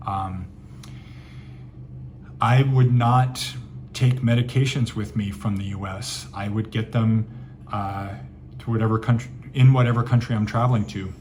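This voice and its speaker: Man, travel vlogger, low voice, rambling and candid, faint ambient hiss behind. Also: fairly even intonation, unhurried, pauses often, darkish tone. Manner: chatty and candid, many fillers and asides, mildly sarcastic. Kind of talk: casual Q&A monologue.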